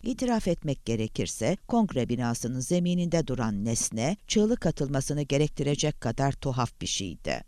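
A man's voice: mid-range voice, sing-song, normal speed, few pauses, a little mellow, dry recording, studio quality. Dramatic man narrating a thriller audiobook.

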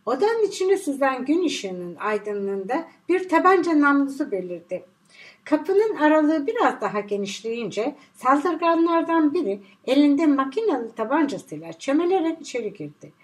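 High, lively woman narrating a thriller. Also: moderate pace. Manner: steady storytelling with vivid action.

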